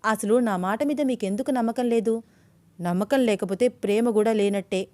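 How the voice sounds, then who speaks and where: A woman's voice: normal speed, dry recording, close to an everyday voice. A woman voicing a young woman in love who is agitated and fiery, in an audio story. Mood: angry. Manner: shrill, agitated pleading.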